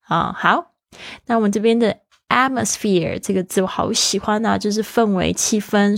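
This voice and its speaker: A woman hosting a casual podcast English lesson, explaining at a chatty pace and slowly repeating phrases for practice, with Mandarin as her first language. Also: fairly low pitch, no room sound, clean studio sound. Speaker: podcast host and English teacher.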